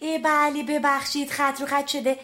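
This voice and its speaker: A chatty, fussy woman with a very high, bright voice. She talks fast and keeps apologizing, in a sitcom way. A faint hiss sits under her voice. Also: level tone. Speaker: office secretary. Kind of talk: sitcom comedy acting.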